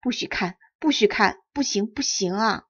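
A woman reading aloud and voicing a timid, frightened young husband in a storybook, speaking anxiously and pleadingly with a husky voice. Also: medium pitch, moderate pace, fairly bright tone, highs cut off. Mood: panicked.

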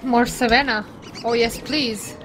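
A woman's voice: on the high side, fairly even intonation, unhurried, music in the background. A woman co-playing a survival game, chatting casually, giggling and steering the way. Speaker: co-player. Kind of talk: casual gaming chat. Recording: noisy background.

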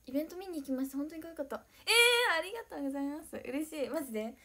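A young woman chatting on a livestream, excitable and giggly, thanking viewers by name as she reads their comments. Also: high voice, racing. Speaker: idol livestreamer. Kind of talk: casual livestream chat reading viewer comments.

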